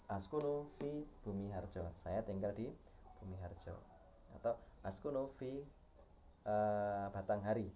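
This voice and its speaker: Young Indonesian-accented male teacher, low mellow voice, patient and repetitive, faint background hum. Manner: explains patiently, repeats phrases slowly, chants greetings. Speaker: Arabic teacher. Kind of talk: casual spoken lesson.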